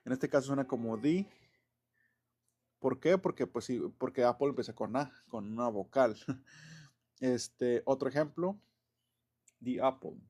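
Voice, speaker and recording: Man, mellow voice, rambling teacher, lots of fillers and chuckles. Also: medium pitch, unhurried, pauses often. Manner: loose and chatty, many fillers and self-corrections, chuckles often. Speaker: English teacher. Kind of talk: casual classroom explanation.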